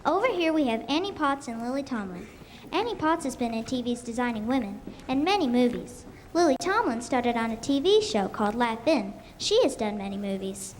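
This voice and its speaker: Playing a bubbly TV reporter touring the Kentucky Derby, a young female elementary performer gives upbeat, presentational announcements for a scripted school radio show. Her voice is a little high, a little fast and very animated. The sound comes from a noisy amateur live stage recording.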